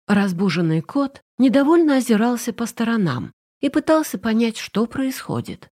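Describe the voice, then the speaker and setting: A woman narrating a romance novel audiobook in an even, storytelling manner. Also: a little high, moderate pace. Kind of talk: scripted narration.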